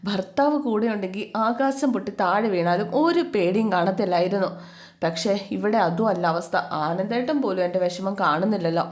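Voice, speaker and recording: A woman's voice: medium pitch, fairly quick, close to an everyday voice. Casting: tearful manipulative young wife, pleading and reproachful, as a woman narrator puts her on.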